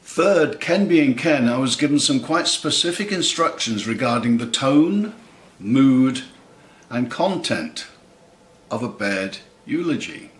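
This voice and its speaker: A man in his seventies giving a scripted eulogy in a measured, wry, tongue-in-cheek way with deliberate pauses. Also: mid-range voice, lively intonation. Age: 70s. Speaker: eulogist, lifelong friend of the deceased. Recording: roomy, echoing sound.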